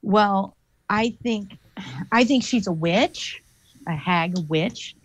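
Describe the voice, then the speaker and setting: A woman, a guest paranormal investigator, telling a story in an animated, chatty way with lots of fillers. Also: medium pitch, takes it slowly, no room sound. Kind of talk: casual storytelling interview. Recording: dull lo-fi dry audio.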